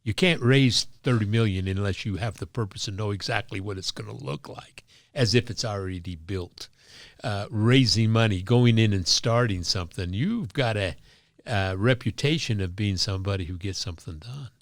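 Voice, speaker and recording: Man, podcast host, very deep voice, enthusiastic interviewer, dry close mic. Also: normal speed, no echo. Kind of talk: interview hosting.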